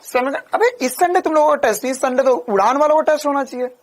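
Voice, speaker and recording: A man's voice: extremely high pitch, fast. A young man teaching a physics class in a casual, chatty way, talking to students like friends. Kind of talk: casual Hindi lecture.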